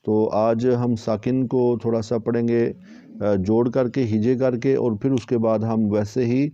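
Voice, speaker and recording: A man's voice: medium pitch, flat delivery, dark tone, no room sound, lo-fi sound. A man teaching Quran recitation in Urdu with a Pakistani accent, patiently spelling out and repeating each syllable several times. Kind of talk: slow spelled-out tajweed lesson.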